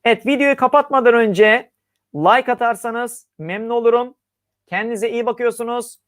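A teacher from Turkey giving a recorded English lesson, reading each example phrase and then translating it, drawing out the English phrases slowly. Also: mid-range voice, no room sound, clean studio sound.

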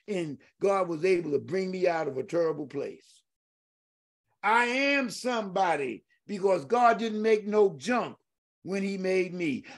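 Middle-aged pastor guy preaching hard, high voice, keeps repeating himself and calling out to the crowd. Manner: fervent, repetitive, calls out to listeners. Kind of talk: sermon.

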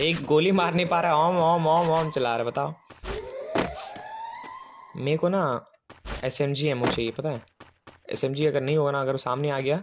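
Excitable male gamer with game gunfire behind. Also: medium pitch, noisy background. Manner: excitable, teasing enemies, rambling chatter. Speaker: gaming streamer. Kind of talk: live gameplay commentary.

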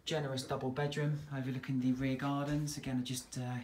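A chatty English estate agent, talking fast in a mid-range voice, tours a detached house and its back garden with relaxed, plain sales patter. It's shot on a handheld phone, with a little hiss or hum.

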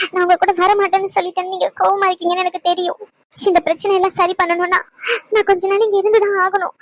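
A woman's voice: very high-pitched, no echo, poor audio. A woman voicing a young wife in a cartoon, pleading and weepy. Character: young wife, tearful and torn.

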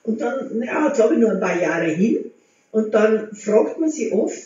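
A woman in her 60s, a motivational vlogger, chats to the camera in her living room, gesturing with her hands as she talks. Her voice is a little high with lively intonation and a slightly slow pace, and her tone is warm and encouraging. The room is very echoey and the sound a bit dull.

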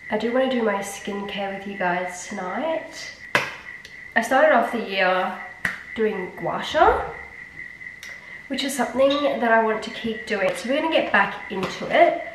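A woman's voice: medium pitch, expressive, unhurried, background noise. A young woman with a nasal, congested voice from blocked sinuses, chatting casually through her skincare routine in a rambling, self-deprecating way. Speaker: beauty vlogger. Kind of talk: casual skincare vlog chat. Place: echoey bathroom. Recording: echoey room, mic at a distance.

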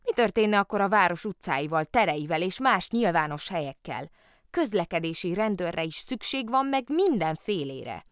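A woman's voice: on the low side, lively intonation, smooth, no echo, clean studio sound, natural voice. A woman voicing a cheeky, good-natured male bear who dresses as a policeman, explaining himself with easygoing, innocent excuses. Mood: cheerfully innocent. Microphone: studio microphone.

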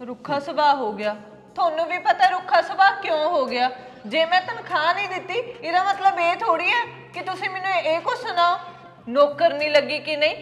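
A woman's voice: very high voice, animated, fairly quick, fairly bright tone, in a large hall, dull audio, faint music behind. A woman playing a defiant young wife. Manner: defiant, quarrelsome. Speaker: daughter-in-law.

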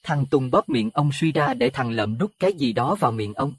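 A man narrating a Buddhist horror audio story in an expressive, dramatic way. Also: medium pitch, normal speed, breathy edge. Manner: expressive, rising to alarm at scary moments.

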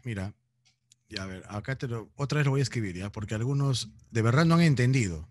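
A man's voice: mid-range voice, lively intonation, fairly quick. A man with a Peruvian accent teaching a class, teasing and playfully scolding his students and laughing often. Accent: Peruvian Spanish. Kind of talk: joking online class lecture.

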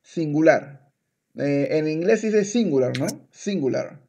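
A man's voice: a little high, lively intonation, a little slow, dark tone. A man teaching Spanish one-on-one. He talks patiently, repeats words, and switches to English to explain. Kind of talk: one-on-one language lesson.

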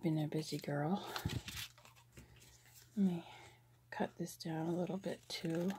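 A woman's voice: low voice, fairly even intonation, slow pace, noisy background. A woman chatting casually while she does a craft project at home, rambling with lots of fillers and restarts. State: out of breath. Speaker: craft vlogger.

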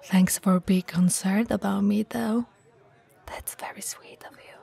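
In an ASMR roleplay, a woman voices a very tall, friendly bento shop owner who likes to tease, speaking softly and breathily and now and then slipping into a whisper. Her mid-range voice has vocal fry, a steady tone and a measured pace. The mood is candid and accepting.

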